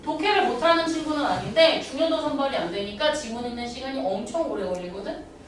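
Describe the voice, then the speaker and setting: A woman cram-school tutor lectures her class, telling blunt, lively stories and sometimes acting out loud scolding. Her voice is high. It rings through an echoey classroom, heard from some distance away. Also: quick pace, slight background noise. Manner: blunt, animated storytelling, acts out loud scolding.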